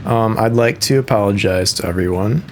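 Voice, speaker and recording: A man's voice: lowish voice, normal speed, a little hiss or hum. Laid-back Midwestern man narrating gameplay. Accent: Midwestern American. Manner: relaxed, rambling, explanatory, with frequent fillers. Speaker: musician and host. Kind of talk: casual gameplay commentary.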